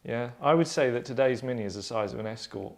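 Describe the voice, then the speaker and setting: A middle-aged scriptwriter with a medium-pitched voice speaks fast, reading stage directions and narrating while he casually explains his work in an earnest, rambling manner. He's in a furnished room indoors.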